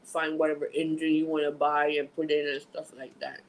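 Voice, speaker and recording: A man's voice: fairly high pitch, monotone, a little fast, low-quality recording. A man in a casual vlog chat, talking bluntly and in a laid-back way while chewing food, swearing freely. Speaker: vlogger.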